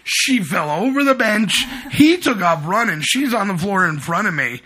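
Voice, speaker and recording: A man's voice: high voice, normal speed, breathy edge. A man telling his scare-actor stories in casual chat and acting out the people he quotes. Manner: animated storyteller who acts out the people he quotes. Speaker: guest who works as a haunted attraction scare actor.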